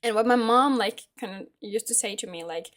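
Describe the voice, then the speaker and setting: A woman's voice: fairly high pitch, fairly quick, a bit bright. Hesitant young woman vlogging. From Finland. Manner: hesitant, filler-heavy, searching for words. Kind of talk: casual personal monologue.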